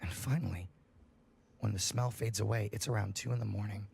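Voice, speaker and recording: A man's voice: steady tone, brisk, creaky, darkish tone, breathy edge. A man on a livestream reading a horror story aloud in a casual, profane way, his voice rising at the tense parts. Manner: casual and profane, rises in pitch at tense moments.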